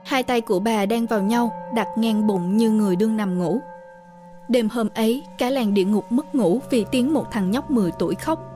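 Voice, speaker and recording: A woman's voice: a little high, normal speed. Woman narrating a ghost story over music. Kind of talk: scripted horror story narration.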